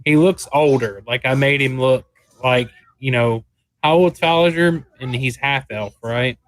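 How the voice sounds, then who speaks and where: A man playing a tabletop game, describing things casually in a halting, explanatory way. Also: mid-range voice, no room sound.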